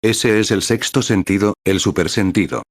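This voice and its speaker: A man with a very deep voice reads a translated sermon aloud. His delivery is steady and solemn. The sound is dry and close, with no room echo. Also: normal speed. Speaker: sermon reader.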